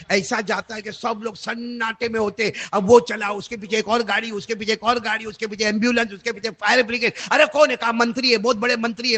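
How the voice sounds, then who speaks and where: Animated high-voiced male preacher. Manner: animated, asks audience to repeat. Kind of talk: storytelling sermon.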